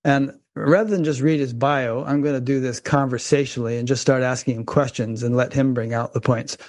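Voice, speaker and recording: Guy hosting an interview on a video call, laid back, dry jokes, measured talk. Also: medium pitch. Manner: relaxed, dry humor, measured. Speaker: podcast host. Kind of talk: conversational interview.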